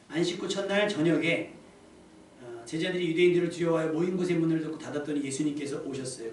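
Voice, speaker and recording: A man preaching a sermon as pastor in a church, conversational, asking the congregation rhetorical questions. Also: on the high side. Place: church sanctuary. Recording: echoey church hall from a distance, faint room noise.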